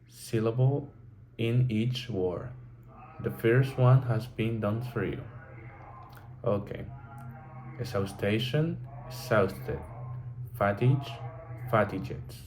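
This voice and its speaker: Low-voiced guy teaching a lesson, reading real slow off the textbook, restarts words sometimes. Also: darkish tone, slight background noise.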